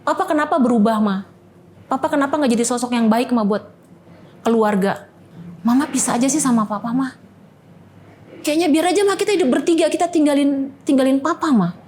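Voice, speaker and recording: A woman's voice: high-pitched, brisk, pauses often, darkish tone, a little hiss or hum, voice pushed up, natural voice. A woman voicing her older child, urgently pleading with the mother to leave.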